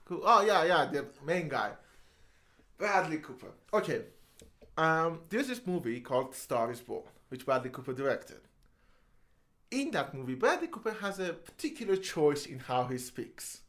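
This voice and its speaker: Animated man chatting about films. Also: a little high, moderate pace. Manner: animated, swearing, laughs often. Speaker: podcast co-host. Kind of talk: casual film chat.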